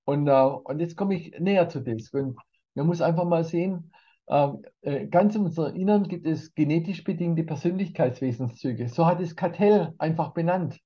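A man in his sixties or older giving a talk on a personality model, speaking haltingly with many fillers and restarts. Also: fairly high pitch, husky. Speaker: trainer and company founder. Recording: dull lo-fi sound.

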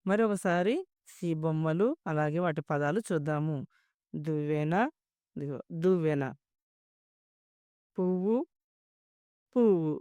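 Patient children's reading teacher, sounds out syllables slowly, warm mellow tone, dry close recording. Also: medium pitch, clean tone, no echo. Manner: patient, spells words out syllable by syllable; asks children questions and praises answers. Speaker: primary school teacher. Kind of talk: reading lesson for young children.

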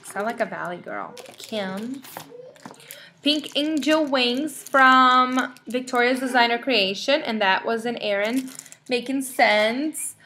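Bubbly, bright-voiced young woman vlogger. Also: on the high side, slight background noise. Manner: bubbly, rambling, reads out product names. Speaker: vlogger showing wax melts. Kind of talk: casual chatty haul vlog.

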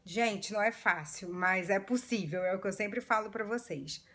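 A woman in her thirties with a Brazilian Portuguese accent speaks at medium pitch and normal speed as a vlogger. She earnestly and animatedly retells a personal story, addressing her viewers directly.

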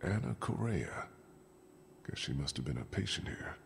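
Weary practical survivor in a video game, gravelly and kinda low, low-key. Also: male voice, very animated, normal speed, slight background noise, heavily acted. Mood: musing. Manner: low-key, musing to himself. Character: weary, practical male survivor searching for clues.

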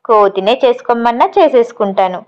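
A woman's voice: fairly high pitch, fairly quick, muffled recording, close to an everyday voice. A woman reading as an easygoing young man. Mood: joking.

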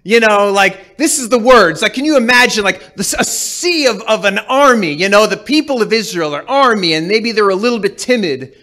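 A man with a high, bright, ringing voice delivers a synagogue sermon. He preaches animatedly and dramatically, booming out grand speeches and then dropping to low mumbled asides. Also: lively intonation, moderate pace, few pauses. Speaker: rabbi.

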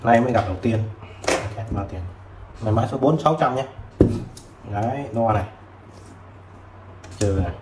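A man selling used tools who chats casually while showing old multimeters, filling pauses with short words. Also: medium pitch. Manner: chatty, fills with "đấy" and "rồi". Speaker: used tool seller. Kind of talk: casual product demo. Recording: roomy with faint background noise.

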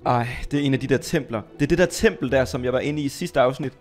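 A Danish man commentating his Minecraft play, chatty and excitable, talking to viewers and to his pet, squealing when startled. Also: medium pitch, faint music behind. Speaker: gaming YouTuber.

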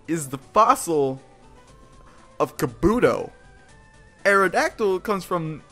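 A man with a fairly high, somewhat bright voice hosts a gaming video, playing casually and rambling as he goes. He exclaims often and laughs at himself, with video game music behind the voice.

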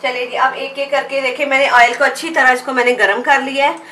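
Woman cooking host, bright chatty voice, step-by-step home recipe, roomy kitchen echo with frying behind. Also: sits high, level tone, a little fast. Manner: chatty, step-by-step, addresses viewers directly. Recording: roomy kitchen echo, faint background noise. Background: oil frying in a pan.

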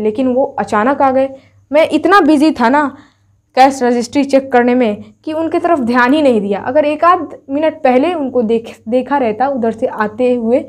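A woman's voice: high voice, darkish tone. A woman teacher explaining a story chapter to students in an online class. She repeats each point and asks herself rhetorical questions as she goes. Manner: addresses students directly, telling them to take screenshots.

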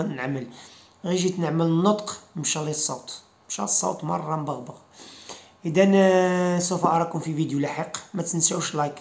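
A man with a Moroccan accent giving a casual online English pronunciation lesson, repeating example words slowly before chatting loosely with viewers. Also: a little high, reverberant. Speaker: English teacher.

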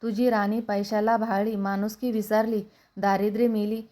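A woman voicing a poor old woman who scolds in a slow, reproachful way. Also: medium pitch, level tone, dark tone, lightly acted. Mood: bitter.

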